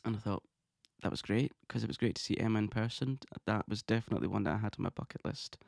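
A man hosting his own podcast, talking in a chatty, excitable way and laughing often. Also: fairly low pitch, fast talker, vocal fry, no room sound, clean studio sound. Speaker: podcast host. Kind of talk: casual monologue podcast.

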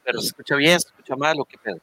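Give me a man with a Mexican accent hosting a casual stream, his voice coming through a choppy, laggy mic that makes it sound sped-up and squeaky. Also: animated, racing, pushed and bright, rough recording. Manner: informal, slangy, checking his audio. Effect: choppy, laggy mic over a call, sounding sped-up and squeaky. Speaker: live stream host.

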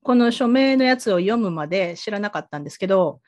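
Woman podcast host, chatty, rambling asides, lots of "mm-hm" back-channeling, mid-pitched. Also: expressive, a little fast, a little mellow. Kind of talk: casual podcast chat.

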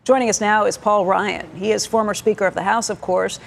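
Gravelly-voiced woman anchoring the news. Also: mid-range voice, a little fast. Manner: crisp, steady presenting. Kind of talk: live TV news presenting.

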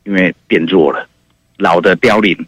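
A man calling in to a radio talk show, answering in a halting way with many fillers. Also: low-pitched, fairly even intonation, a bit bright, slightly rough, no room sound. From Taiwan. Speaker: caller.

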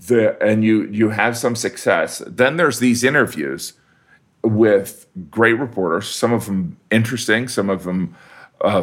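Animated Midwestern man, lively pitch. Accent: Midwestern American. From Indiana. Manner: animated storyteller, shifting into voices for quotes. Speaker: comedian guest. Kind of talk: casual conversation.

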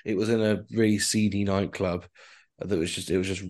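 A man's voice: deep voice, flat delivery, brisk, a little mellow. A man telling a rambling story in casual podcast chat, full of fillers and swearing. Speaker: podcast co-host.

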